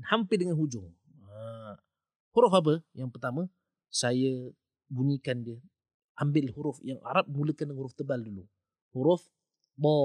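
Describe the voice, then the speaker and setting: A man's voice: medium pitch, dry recording, clean studio sound. A man with a Malaysian accent hosting a podcast lesson on tajwid, patiently repeating himself and sounding out Arabic letters. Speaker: tajwid teacher, podcast host.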